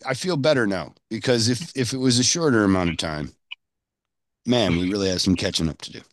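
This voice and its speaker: A man hosting a casual interview, rambling with halting restarts. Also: fairly low pitch, no echo. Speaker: podcast host.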